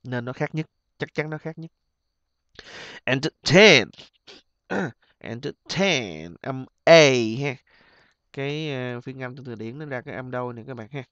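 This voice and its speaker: A middle-aged man leads an exam review lesson at an even pitch. He stretches each example word out slowly, then hurries through his explanation. The recording is dry and a little dull. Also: smooth, no echo. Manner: repeats and drawls example words slowly, then explains in quick asides. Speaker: English teacher.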